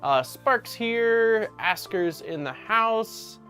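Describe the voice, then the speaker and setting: A man's voice: high voice, lively intonation, very slow, bright, forceful tone, soft background music. A man hosting a casual livestream, talking in an upbeat, rambling way with lots of fillers. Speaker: livestream host.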